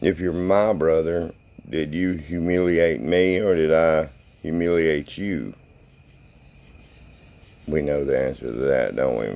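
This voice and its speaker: A man's voice: a bass voice, fairly even intonation, slow pace, gravelly, long pauses, highs cut off. A man casually narrating a paranormal session and questioning spirits in a folksy, plain-spoken way. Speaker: paranormal investigator hosting a spirit box session.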